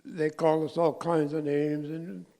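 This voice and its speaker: Older veteran, gravelly voice, halting delivery, a man from California. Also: fairly high pitch, little pitch movement, warm tone. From California, USA. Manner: halting, searching for words. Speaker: veteran interviewee. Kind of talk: personal interview.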